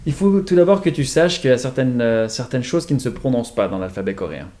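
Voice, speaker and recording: A man's voice: mid-range voice, expressive, quick pace, dark tone. Man explaining pronunciation casually. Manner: explanatory, demonstrates sounds. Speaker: accent teacher. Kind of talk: casual lesson.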